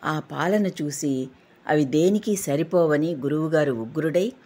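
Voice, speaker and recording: Woman storyteller, low husky voice, steady scripted devotional narration. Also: unhurried.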